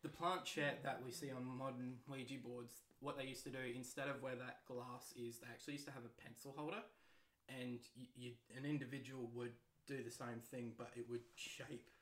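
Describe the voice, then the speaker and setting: A young man co-hosts a chatty podcast, laying out his explanations in between frequent laughs. His pitch is ordinary. His voice rings with a roomy echo. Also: flat delivery, moderate pace, fairly bright tone. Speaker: podcast co-host. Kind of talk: casual chat.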